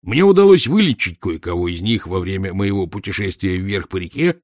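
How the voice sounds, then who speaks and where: A man's voice: low-pitched, expressive, a little fast, dry recording, clean studio sound. A man voicing a pompous, arrogant older male professor who talks down to his listener in a lecturing way. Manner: haughty, lecturing, condescending. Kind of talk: audiobook reading.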